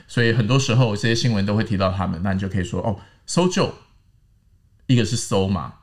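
A man's voice: lowish voice, animated, fast talker. A man with a Taiwanese Mandarin accent hosting a casual panel chat, explaining English words and spelling them out. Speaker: host teaching English words.

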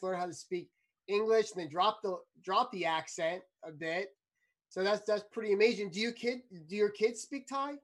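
Brief encouraging interviewer, curious follow-ups, mid-range voice. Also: mid-range voice. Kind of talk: casual interview talk.

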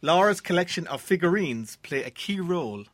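A man's voice: sits high, expressive, normal speed, no echo. An Irish man hosting a quiz, reading out questions and bantering with contestants. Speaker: quiz host.

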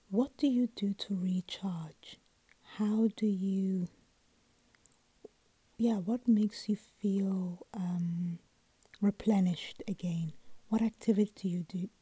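A sleepy woman hosts her podcast in a low, breathy whisper, with a very dark and mellow tone. She chats casually into a close mic in a dry, dead room, trailing off into ums and restarts as she goes. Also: steady tone, slow, no echo. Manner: speaks mostly in a soft whisper, with many ums and restarts. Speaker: podcast host. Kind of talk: casual solo podcast chat.

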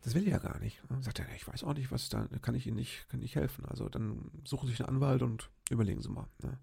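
Gravelly older man chatting on a podcast. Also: mid-range voice, fairly even intonation, fast, mellow. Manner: chatty, rambling, addresses listeners directly with "ne?". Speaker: podcast host. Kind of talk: casual storytelling monologue.

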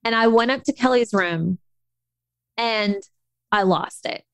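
A young woman tells a long personal story in an animated, chatty way, stumbling and restarting as she talks. Her voice sits a little high, and the sound is dry and close. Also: measured pace, clean tone, no room sound. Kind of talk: casual storytelling chat.

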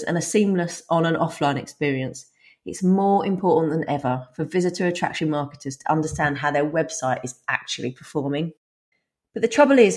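A woman's voice: on the low side, darkish tone. A woman with a twangy Essex accent hosting a podcast solo, speaking directly to listeners in an informal, self-deprecating, chatty way. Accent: Essex, England. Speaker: podcast host.

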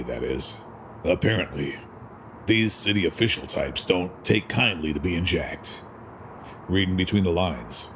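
In an audio drama, an actor plays a gruff, weary older police commissioner who grumbles in folksy, streetwise slang. The male voice sits low, and there is a little hiss or hum.

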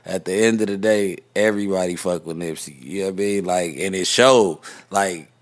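A man's voice: sits low, normal speed. A man guest in a casual interview, telling a story in heavy slang and acting out the quoted dialogue. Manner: slangy, repeats "you know what I mean". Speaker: guest rapper.

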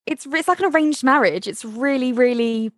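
A woman's voice: sits high, normal speed, no room sound. A woman co-hosting a podcast, exclaiming and laughing as she talks over a TV episode. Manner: expressive, exclaiming, laughs often. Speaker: podcast co-host. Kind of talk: casual chat recapping a TV episode.

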